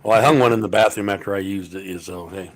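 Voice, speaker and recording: A man's voice: deep voice, fast talker. An older American man co-hosting a podcast, chatting casually in a joking, folksy way and laughing often. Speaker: podcast co-host. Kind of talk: casual chat.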